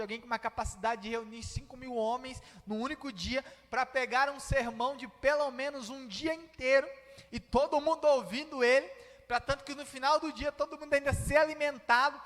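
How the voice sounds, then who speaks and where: A man's voice: extremely high pitch, fairly even intonation, a little fast, fairly bright tone. A Brazilian man preaching a sermon in a church, explaining a text and acting out its dialogue, with a Brazilian Portuguese accent. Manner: explanatory, acts out quoted dialogue. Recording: reverberant church hall.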